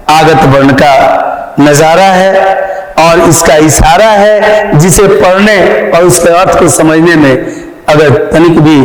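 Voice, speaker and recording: A man gives a classroom grammar lesson, walking students through each point slowly and repeating the terms he teaches. His voice sits a little high, and it carries a strong echo that rings on after each phrase, as in a large hall. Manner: explanatory, repeats key terms, addresses students. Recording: echoey hall.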